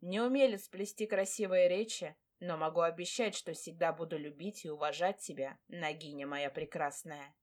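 A woman voicing a proud, brooding male dragon lord who speaks tenderly to his fiancée, in a low, hushed tone. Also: normal speed, few pauses, close to an everyday voice.

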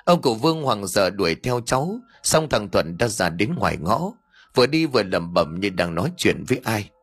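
A man's voice: on the low side, sing-song, normal speed, husky. A man narrating a scripted ghost story in a dramatic, tense storytelling manner.

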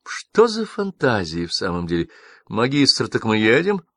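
A man's voice: wildly swooping pitch, unhurried, fairly bright tone, no room sound, clean studio sound, heavily acted. A man reading an audiobook, voicing a tiny, spiteful old woman who shrieks and sobs in hysterics. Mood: indignant. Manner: shrieking, shrill and tearful. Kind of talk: audiobook character voice.

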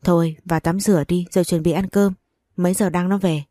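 A woman voicing a caring, thrifty older mother who scolds gently. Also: fairly low pitch, steady tone, fairly quick, dry recording, clean studio sound, close to an everyday voice. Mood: kindly.

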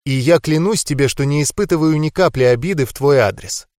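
A man reading an audiobook, voicing a composed, serious young goddess in a calm, measured, softly serious way. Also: fairly high pitch, no echo, studio quality, natural voice. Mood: gentle.

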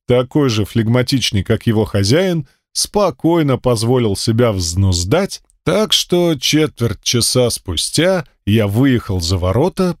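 A man reading a first-person fantasy audiobook in a steady, measured storytelling voice. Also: lowish voice, no room sound, studio quality. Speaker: audiobook narrator.

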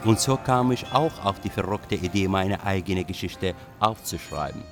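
Over music, a man with a low voice plays a reflective train traveller and writer. His narration is measured and literary, in the style of a radio drama.

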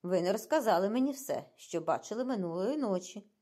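Woman voicing a probing middle-aged detective, calm, pointed questions, audiobook. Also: mid-range voice, brisk, close to an everyday voice.

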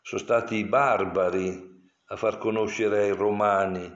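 A man's voice: lowish voice, fairly even intonation, measured pace. An older man, a priest, giving a sermon in a digressive, explanatory way that turns to stern warnings. The recording is dull and lo-fi.

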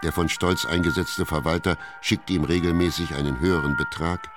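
Male narrator, very deep, calm radio-play storytelling over music. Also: normal speed. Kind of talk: scripted narration.

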